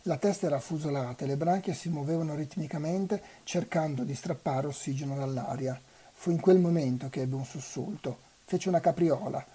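A volunteer reader reading a novel aloud for a web radio reading marathon, in an unhurried, even way. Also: mid-range voice, breathy edge.

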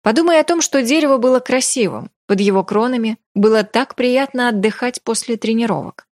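Woman voicing a young male mage, patient mentor, gentle coaxing, dry close sound. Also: a little high, fairly quick, dry recording, voice pushed up, lightly acted.

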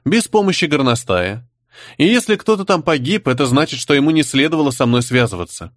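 A man reading the part of a composed young woman who answers an interrogation calmly and with pointed defiance. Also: a little high, no room sound, clean studio sound. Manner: calm, measured, pointed.

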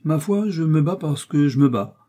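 A man reading the lines of a big, blunt male musketeer in a gruff manner. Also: on the high side, lively intonation, moderate pace, mellow, voice pushed up.

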